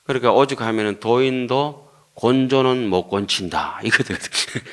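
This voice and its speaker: A man's voice: medium pitch, normal speed, a bit bright. An older Buddhist monk with a Gyeongsang Korean accent giving an earnest dharma lecture, posing rhetorical questions and joking with his listeners.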